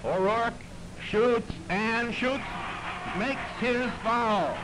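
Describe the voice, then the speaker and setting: This is a basketball commentator giving live play-by-play in a plain, steady manner, heard as a played-back early 1930s archive recording. His voice is very high-pitched and extremely slow, and the old recording is noisy and hissy.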